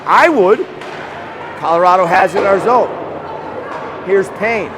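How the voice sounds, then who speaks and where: A man calling a hockey game live, excitable and chatty, shouting on scoring chances and joking with the listeners. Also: high-pitched, unhurried, background noise. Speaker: play-by-play commentator.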